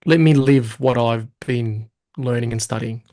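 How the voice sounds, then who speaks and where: Speaking at a measured pace in a mid-range voice, a man shares his story as a guest in a casual interview. He's an animated storyteller who acts out his past thoughts through lively quoted asides.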